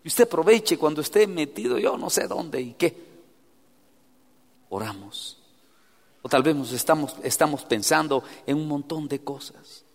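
A man preaching with a fairly high voice, dropping to hushed asides and then rising into loud, fervent exhortation. He calls his listeners brother as he talks to them directly. His voice rings with a long hall reverb. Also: expressive, measured pace, creaky, long pauses. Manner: swings from soft, near-whispered asides to loud fervent exhortation. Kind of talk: sermon.

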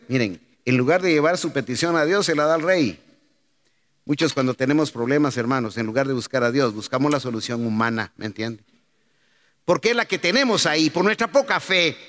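A man's voice: mid-range voice, a bit bright. A man preaching a sermon, calling out emphatically and asking rhetorical questions. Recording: long hall reverb.

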